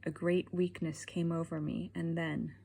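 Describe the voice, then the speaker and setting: A woman doing a husky-whispering madman. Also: fairly low pitch, flat delivery, measured pace, mellow. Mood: fading. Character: mad male asylum patient, creepy, whispering.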